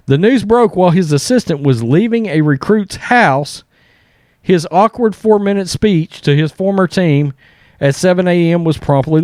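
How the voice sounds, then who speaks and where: Male sports commentary host, conversational and blunt, higher register, dry recording. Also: a little mellow, dry recording. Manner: blunt, conversational, often tags points with "okay?". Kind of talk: casual opinion commentary, reading and reacting to articles.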